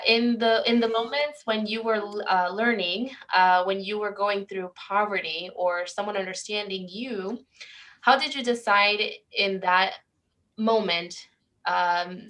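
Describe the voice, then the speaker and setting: A woman's voice: medium pitch, fairly bright tone. A woman moderator reading out an audience question hesitantly, with frequent fillers.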